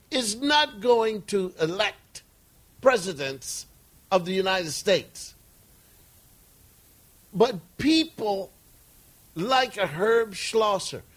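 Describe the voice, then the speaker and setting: An older man talking in a slow, rambling, storytelling way, often chuckling between thoughts as an interview guest. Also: high-pitched. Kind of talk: casual storytelling conversation.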